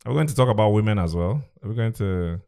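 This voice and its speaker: A man's voice: on the low side, animated, fast talker, creaky, noisy background. A man with a Nigerian accent hosting a podcast in casual, teasing banter, often repeating his phrases. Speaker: podcast host.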